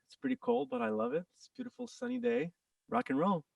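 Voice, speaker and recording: A man with a French-Canadian accent, a guest talking casually in an interview, halting with many restarts and quick laughs. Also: very high voice, gravelly, a little mellow, no room sound, recorded from a distance, highs cut off. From Quebec, Canada.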